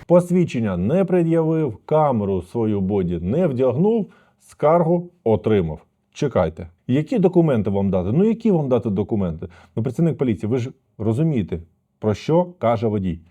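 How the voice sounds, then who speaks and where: A man, a lawyer, commenting on a dashcam video and calmly explaining to viewers what went wrong. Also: medium pitch, dull audio. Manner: measured, explanatory, addresses viewers as friends.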